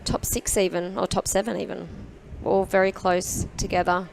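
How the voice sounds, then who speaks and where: Female diving commentator, mid-pitched voice, live event commentary, faint pool ambience behind. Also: little pitch movement, normal speed, gravelly, darkish tone. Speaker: sports commentator. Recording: background pool hall noise.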